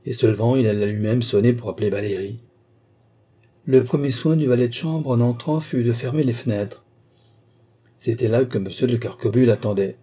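A man reading a classic novel aloud as an audiobook narrator, in measured, even storytelling. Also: medium pitch, slightly rough. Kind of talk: scripted narration.

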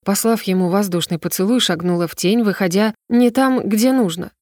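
A young woman narrating a first-person fantasy romance audiobook with an even, steady reading. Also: mid-range voice, moderate pace, no echo, clean studio sound.

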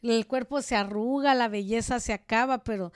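A woman with a Central American Spanish accent talks on a radio show in a blunt, animated way, full of asides to her co-host. Her voice sits fairly high and comes through smooth and clean on the studio mic. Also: moderate pace. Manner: outspoken, animated storytelling with asides. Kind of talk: casual radio chat.

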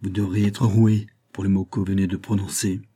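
A man voicing a huge masked giant who speaks in a booming, threatening way in a storybook reading. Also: flat delivery, fairly quick, dark tone, husky. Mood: scornful. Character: huge masked male giant, menacing and mocking.

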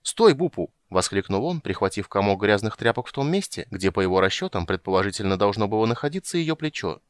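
Low, animated male audiobook reader. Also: fast talker, clean tone, no room sound. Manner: expressive storytelling. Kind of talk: scripted narration.

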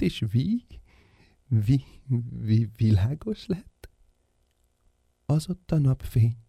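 A man playing a stammering, booming giant newborn. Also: gravelly, mellow, breathy edge, dry recording, studio quality, heavily acted. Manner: stammers, then booms hungrily. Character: giant newborn male baby, hungry, wild. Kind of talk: radio play acting.

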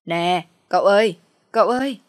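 A woman voicing a scheming middle-aged mother who laments loudly and theatrically. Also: on the low side, fairly even intonation, moderate pace, dry recording, studio quality, lightly acted. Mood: welcoming.

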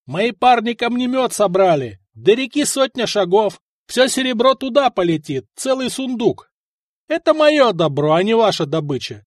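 A cool, shrewd warrior captain trapped under siege, as a male narrator voices him, who taunts his enemies with defiant calls. The voice is lively and sits close and dry. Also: a little high, normal speed, no room sound. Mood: defiant shouting. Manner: defiant, mocking when shouting.

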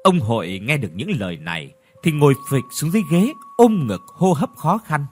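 A man narrating a ghost story with expressive storytelling. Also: on the high side, a little fast. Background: faint background music.

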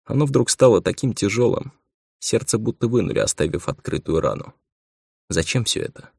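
A man reading a science fiction audiobook in a measured, subdued narration. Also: fairly low pitch, expressive, vocal fry, warm tone, husky, dry recording, clean studio sound. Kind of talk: scripted narration.

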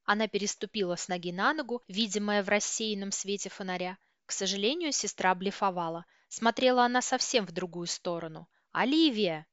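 A woman reading a first-person novel aloud with steady, tense storytelling. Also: mid-range voice, a little fast, hardly any pauses, no echo, highs cut off. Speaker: audiobook reader.

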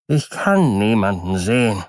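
A man voicing a weak, plaintive recluse who speaks slowly and faintly. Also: fairly low pitch, very animated, darkish tone. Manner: slow, faint, lamenting. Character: weak plaintive hidden man behind a door.

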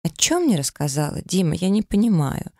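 A man's voice: sing-song, a little fast, vocal fry, mellow, no echo, studio quality, full character voice. A man putting on a hysterical deceitful young wife. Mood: frightened. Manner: pleading, sobbing, shrill.

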